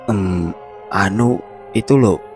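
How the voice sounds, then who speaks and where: A flustered, goofy young man in love, stammering shyly one moment and cocky the next, as a storyteller puts him on. His voice sits low, with faint music beneath. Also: normal speed, a little mellow, close to an everyday voice.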